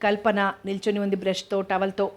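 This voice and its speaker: Audiobook narrator, woman, mid-pitched voice with little melody, steady novel reading. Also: brisk.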